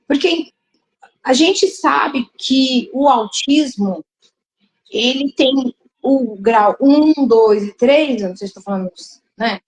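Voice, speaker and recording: A woman host with a high voice guides a live discussion at a slow, unhurried pace. She pauses often to find her words and sounds reflective as she sums up what others have said. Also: low-quality recording.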